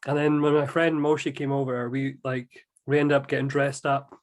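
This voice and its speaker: A man chatting casually over a whisky and cheese tasting and telling lively stories with many restarts. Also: mid-range voice, moderate pace. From Scotland. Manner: lively storyteller, restarts his sentences. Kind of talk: casual tasting chat and anecdotes.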